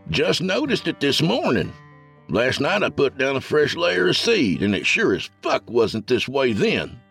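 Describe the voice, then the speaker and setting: A man's voice: fairly high pitch, huge pitch swings, measured pace, a bit bright, faint music behind, pitched above the performer's own voice, full character voice. A man voicing a big, crude hillbilly neighbor who drawls and curses. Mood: exasperated. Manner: drawling, cursing.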